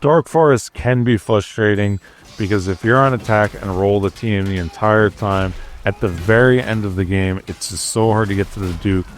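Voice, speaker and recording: A young man with a fairly low voice narrates his gameplay in an easygoing voice-over. He talks conversationally and hands out tips as he goes. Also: normal speed. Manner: relaxed, conversational, tip-giving. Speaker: gaming YouTuber narrating gameplay. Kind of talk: casual gameplay commentary voice-over.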